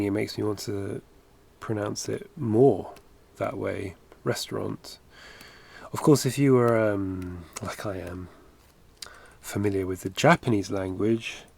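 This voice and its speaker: Recorded on a headset at home, a man in his thirties draws on a livestream and chats in a rambling manner, often correcting himself. He is an animation streamer with a low, gravelly, darkish voice.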